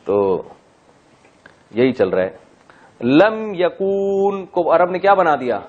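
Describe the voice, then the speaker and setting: A man leads a classroom lesson on Arabic grammar, dwelling on each word as he recites it slowly and breaking in with humorous asides. His voice sits a little high for a man, and the recording is dull and muffled. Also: big pitch swings, darkish tone. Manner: drawn-out, deliberate recitation of Arabic words, joking asides. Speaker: Quran teacher.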